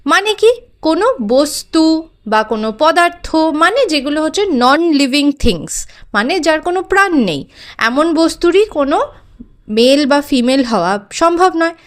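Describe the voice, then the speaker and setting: A woman's voice: sits high, very animated, moderate pace. A woman teaching English grammar, asking and answering her own questions and spelling words out letter by letter. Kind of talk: explaining grammar with examples.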